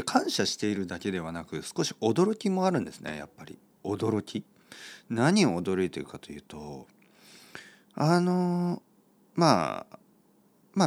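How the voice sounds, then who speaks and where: Man, podcast host, deep voice, lively swinging intonation, rambling, lots of fillers, playful. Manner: playful, self-mocking. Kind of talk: casual solo podcast talk.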